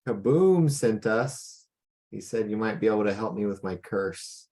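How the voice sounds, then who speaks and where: A man's voice: fairly low pitch, animated, unhurried, warm tone. A man chatting and improvising as a player in a tabletop role-playing game. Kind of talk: casual improvised game chat.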